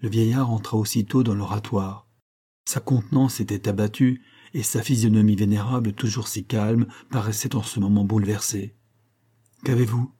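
Low husky male audiobook narrator. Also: fairly even intonation, moderate pace, mellow.

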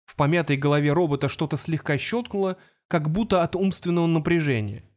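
A man with a fairly high voice narrates an audiobook. His delivery is steady and measured, in plain scripted storytelling.

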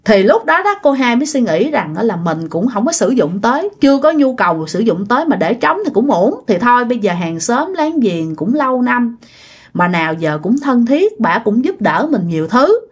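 A woman with a fairly high voice telling a story in a chatty, casual way. She talks straight to her listeners as she goes. She keeps to an easy, conversational delivery. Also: sing-song, normal speed, breathy edge. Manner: chatty, addresses listeners directly.

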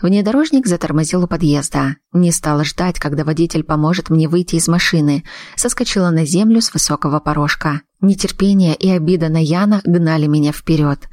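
A woman narrating an audiobook in the first person with an even, measured reading. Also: sits low, dry recording, studio quality. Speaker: audiobook reader.

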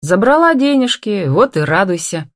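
A woman's voice: medium pitch, very animated, normal speed, no echo, studio quality, close to an everyday voice. A woman reading the lines of a sarcastic, grumbling male boss without much change of voice.

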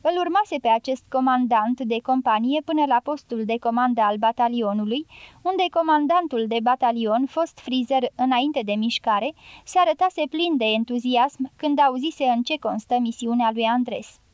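A woman reading a novel aloud as an audiobook narrator, in measured scripted narration that lightly voices the dialogue. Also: a little high, clean tone, dry recording.

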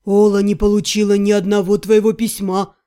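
A woman's voice: mid-range voice, little pitch movement, normal speed, mellow, clear, resonant tone, pitched below the performer's own voice, lightly acted. A woman voicing a wry male half-gnome friend with a drawling, mock-dramatic manner. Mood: wry, teasing.

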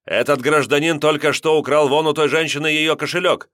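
A man's voice: low voice, moderate pace, fairly bright tone, dry recording, studio quality. A man voicing a stern plainclothes policeman who speaks in short, curt commands. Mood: barking orders.

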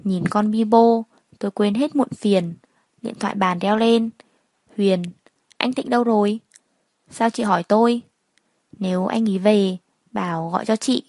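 A woman's voice: medium pitch, a little mellow, dry recording. Woman narrating a first-person story.

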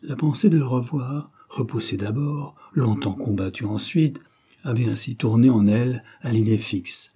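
A man narrating a classic novel in a measured, even manner. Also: mid-range voice, husky. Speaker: audiobook narrator. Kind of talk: scripted literary narration.

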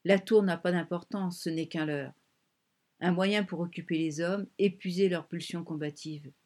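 A proud, domineering strongman of a castaway colony, as a woman reader puts him on, curt and cutting in an audiobook telling. His lines come in a plain reading voice with little change of timbre, and at times he drops to a breathless hush. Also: fairly high pitch, steady tone, moderate pace, natural voice. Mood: angry. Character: proud, domineering male island strongman, former singer.

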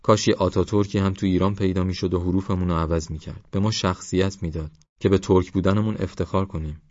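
A man voicing a proud, impatient male village schoolteacher who lectures fervently, in a deep, dull-toned audiobook recording. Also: steady tone, darkish tone, no echo, natural voice.

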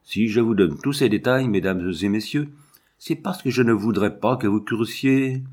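A man's voice: on the low side, normal speed, a little mellow, natural voice. A man reading aloud, voicing a pompous, grandiloquent male fairground showman in a storybook. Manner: pompous, declamatory.

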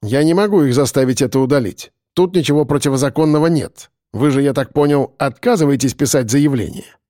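A man reading an audiobook, voicing a tired, weary middle-aged police lieutenant colonel who speaks in an even, measured way. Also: medium pitch, dry recording, clean studio sound, lightly acted.

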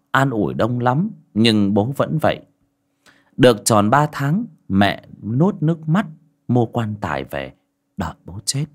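Male horror audiobook narrator, low voice with a lively, rising-and-falling delivery, measured and dramatic.

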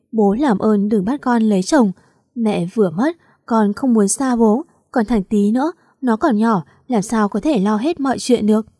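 A woman's voice: on the high side, warm tone, no echo, studio quality, close to an everyday voice. A woman reading the part of a remorseful young daughter, sobbing and pleading with her father.

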